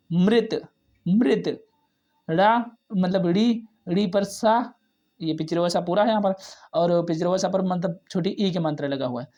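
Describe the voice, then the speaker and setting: A man's voice: high voice, a little mellow. Patient man teaching Hindi reading. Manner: repeats each syllable and word several times, patient. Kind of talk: slow step-by-step reading lesson.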